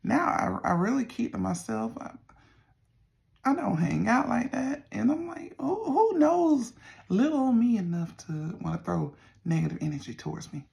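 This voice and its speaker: A middle-aged person with a Southern US accent and a creaky voice, chatting casually to viewers in a folksy, meandering way. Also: mid-range voice, big pitch swings, moderate pace, darkish tone. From Southern United States. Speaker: vlogger. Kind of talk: casual rambling check-in to viewers.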